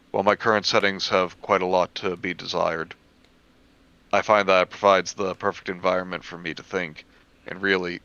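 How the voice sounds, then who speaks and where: A man narrates a first-person horror story in a measured way, now and then stumbling over a word. His voice sits low and has a sharp tone, with the highs cut off.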